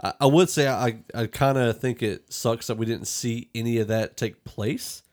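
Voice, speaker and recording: A podcast host rambles conversationally through a casual film review. His mid-range voice has a darkish tone and moves at a normal speed.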